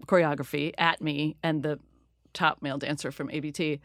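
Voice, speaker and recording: A woman guest from Detroit, telling self-deprecating stories in a lively, animated way with acted-out voices. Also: low-pitched, moderate pace, dry recording, clean studio sound. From Detroit, Michigan. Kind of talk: casual interview storytelling.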